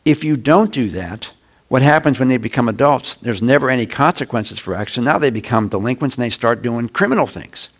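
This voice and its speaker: A middle-aged man, a pastor, preaching a conversational sermon with sudden loud shouts. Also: medium pitch, lively intonation, brisk.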